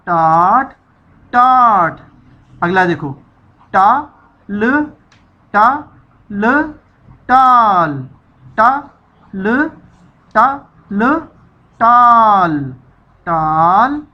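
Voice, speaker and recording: Woman teacher, bright crisp voice, slow drawn-out syllables, children's reading lesson, dull lo-fi recording. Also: mid-range voice. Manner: slow, drawn-out syllables, repeating each sound for children to echo.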